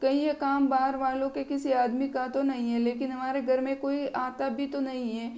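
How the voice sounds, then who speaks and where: A woman's voice: sits high, flat delivery, moderate pace. A woman voicing a scolding older mother-in-law who taunts her daughters-in-law. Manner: sharp, taunting.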